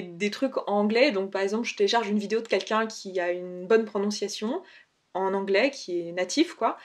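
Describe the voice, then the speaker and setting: A young woman from France giving casual advice in a vlog, chatty, with frequent fillers and self-corrections. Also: mid-range voice. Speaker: YouTuber.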